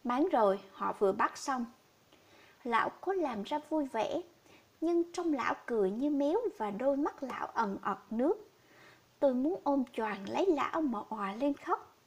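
A woman with a high, light voice reads a short story aloud for an audiobook. She lets feeling into the characters' dialogue. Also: expressive, normal speed.

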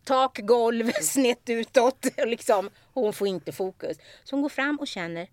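A woman's voice: fairly high pitch, slight background noise. A woman hosting a podcast, telling a story in casual chat and acting out the people in it. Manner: animated, acts out the people in her story. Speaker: podcast host.

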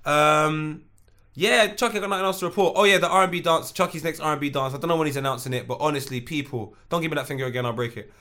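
A man's voice: fairly high pitch, fast, pushed and bright. A man with a London roadman accent, chatting casually in street slang as a podcast host. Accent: London roadman, urban British slang.

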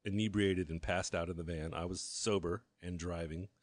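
Deep-voiced man in his fifties. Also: fairly even intonation, no room sound, studio quality. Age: 50s. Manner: halting, restarts with repeated words. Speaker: guest. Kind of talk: candid conversational storytelling.

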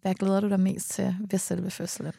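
A woman's voice: mid-range voice, monotone, creaky, dark tone, dry recording, studio quality. Supportive Danish woman podcast host. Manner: supportive, mixes in English phrases. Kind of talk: casual chat. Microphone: studio mic.

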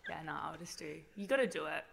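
Gravelly-voiced young woman, swearing casually. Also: deep voice, quick pace, crowd noise. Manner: blunt and sweary, relaxed. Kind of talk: casual chat between friends.

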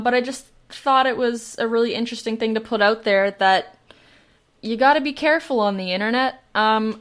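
A young woman co-hosting a podcast, relaxed, telling a true-crime case with many ums. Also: on the high side. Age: young adult. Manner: relaxed storytelling with fillers. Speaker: podcast co-host.

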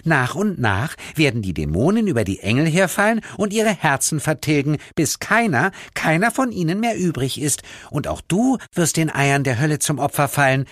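A man's voice: on the high side, very animated, normal speed, hardly any pauses, fairly bright tone, dry recording, studio quality, pitched above the performer's own voice. A man putting on a gloating girl hell-angel. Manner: gloating, taunting. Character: spiteful hellish female angel girl.

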